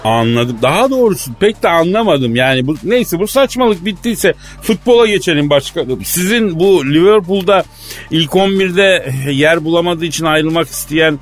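Male radio comedy host, straight man, mock-formal, slightly high voice. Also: animated, normal speed, faint music behind.

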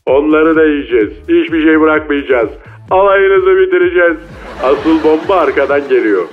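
A man's voice: fairly high pitch, normal speed, faint music behind. A man voicing a cocky, slangy male mole cricket who speaks over a phone line in a comedy radio sketch. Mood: taunting. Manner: slangy, boastful, taunting street talk. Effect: heard over a phone line.

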